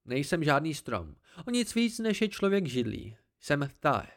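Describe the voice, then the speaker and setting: A man's voice: on the high side, big pitch swings. A man voicing an ancient, haughty tree-spirit oracle with a cold, dry, disdainful voice.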